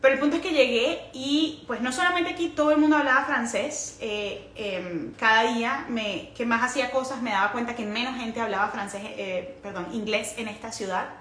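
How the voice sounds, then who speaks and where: A woman's voice: on the high side, normal speed, hardly any pauses, fairly bright tone. A young Venezuelan woman with a Venezuelan accent talking casually in a vlog, chatty and rambling, often correcting herself mid-sentence. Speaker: missionary vlogger. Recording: roomy echo, faint noise.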